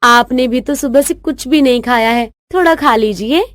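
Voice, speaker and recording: A woman's voice: a little high, moderate pace, no room sound, natural voice. A woman voicing a crafty young daughter-in-law in a cartoon story, sugary and theatrically whiny. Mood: fake-sweet. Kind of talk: animated storybook voice acting.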